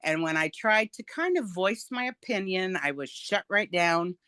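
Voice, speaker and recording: A woman's voice: fairly low pitch, lively intonation, moderate pace, sharp tone, clean tone, dry recording. An older woman, a grandmother, speaking frankly and emphatically as an interview guest, with the odd wry laugh. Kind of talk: candid interview about family.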